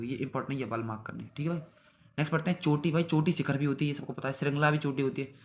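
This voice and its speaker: A young man whose voice sits fairly high and sounds a bit bright leads an exam-prep vocabulary session on synonyms. List after list, he repeats the words and checks in with the class using "theek hai bhai."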